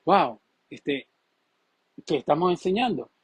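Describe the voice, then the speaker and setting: Husky-voiced man preaching a sermon. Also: fairly high pitch, takes it slowly, no room sound. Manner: animated preaching, acts out quoted voices. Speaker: pastor.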